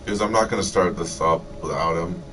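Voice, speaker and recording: Deep-voiced and quick, this man from Michigan banters casually with friends on a gaming livestream, rambling along with sardonic jokes and swearing in an American accent. He's picked up by a distant mic with music playing.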